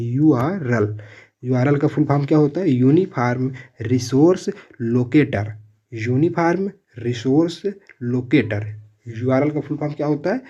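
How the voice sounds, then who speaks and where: In a muffled recording, a man with a warm, mid-range voice leads an exam-prep lesson set up like a quiz. Each question is read with its options, and he states the answer over and over. He calls his listeners friends.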